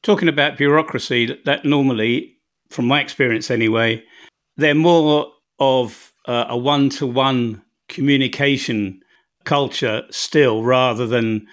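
An English-accented man hosts a conversation and asks curious, probing questions. He sometimes pokes fun at himself. His voice sits at an ordinary middle pitch. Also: steady tone, measured pace, a bit bright. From England. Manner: inquisitive, self-deprecating. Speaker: podcast host. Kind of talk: interview conversation.

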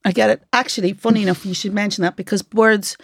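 A woman's voice: mid-range voice, fairly even intonation, fast talker. A woman from Ireland co-hosting a podcast in casual chat, bantering, laughing a lot and giving advice. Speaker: podcast co-host.

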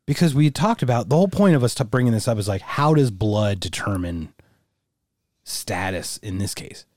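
Male podcast host, very lively pitch, profane banter, casual delivery, close dry sound. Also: moderate pace, no echo. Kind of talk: casual chat.

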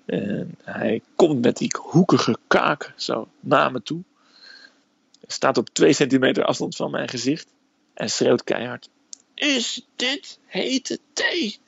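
A man telling a personal story in a casual, hesitant way, filling pauses with "eh". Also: mid-range voice, creaky, breathy edge, no echo, dull audio. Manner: hesitant storytelling, frequent "eh" fillers.

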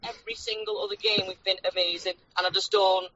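A woman's voice: mid-range voice, steady tone, quick pace, fairly bright tone, slight background noise. A woman caller on speakerphone while driving, venting bluntly about a match. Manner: frank, blunt sports-fan venting. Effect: heard over a phone on speakerphone. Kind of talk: casual chat. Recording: dull lo-fi phone speaker.

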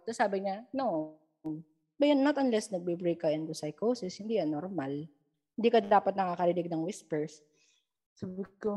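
A young Filipina woman casually recounting personal paranormal experiences, switching into English and acting out quoted dialogue. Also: medium pitch. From Philippines. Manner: mixes English into Tagalog, animated retelling with quoted dialogue. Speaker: guest storyteller. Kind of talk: casual storytelling chat.

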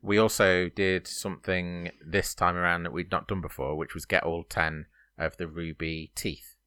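A man's voice: low voice, little pitch movement, moderate pace, bright, forceful tone, clear, resonant tone, dry recording. A man co-hosting a podcast in casual chat, teasing his co-host with playful banter.

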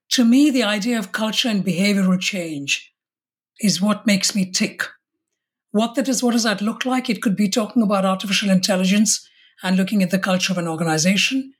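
A woman's voice: mid-range voice, breathy edge. A woman, a podcast guest in a conversational interview, speaking reflectively with restarts and self-corrections. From India.

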